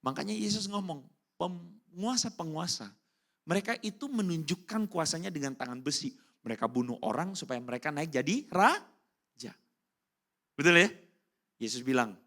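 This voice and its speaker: A man preaching a casual youth sermon in speech, slangy and animated, keeping up a run of rhetorical questions to the congregation. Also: a little high. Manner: animated, keeps asking the crowd rhetorical questions; slangy and informal, breaks into English phrases. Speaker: youth pastor. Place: church hall during a service.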